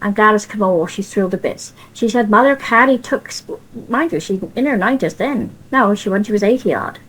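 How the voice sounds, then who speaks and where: A woman's voice: mid-range voice, a little fast, slightly rough, rough recording. An older woman with a broad West Country accent from Cornwall, telling informal anecdotes and acting out the conversations in dialect. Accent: Cornish West Country. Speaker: storyteller of personal anecdotes.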